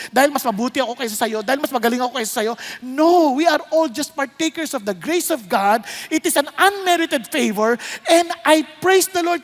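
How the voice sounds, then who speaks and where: A woman with a Filipino accent preaching a sermon to a congregation. She mixes English into her talk and keeps checking in with the listeners through quick questions. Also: high-pitched, in a large hall.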